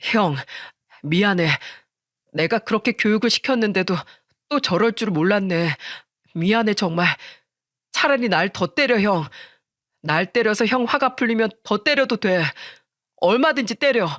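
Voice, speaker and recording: A woman's voice: medium pitch, unhurried, fairly bright tone, no room sound, clean studio sound, natural voice. A woman voicing a meek younger brother who apologizes and begs for forgiveness in a narrated story. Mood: remorseful. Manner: begging, remorseful.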